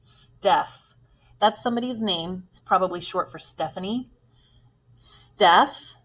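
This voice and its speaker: A woman teaching a phonics lesson to young children, sounding out words slowly and clearly. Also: mid-range voice, a bit bright.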